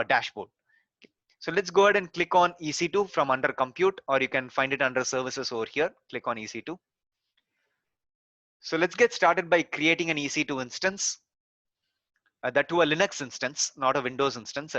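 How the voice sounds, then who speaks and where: A man's voice: fairly high pitch, sharp tone, no echo, dull audio. A man instructor walking through a screen-recorded technical tutorial step by step, with many "so" and "uh" fillers. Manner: explains step by step with frequent "so" and "uh" fillers. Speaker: course instructor.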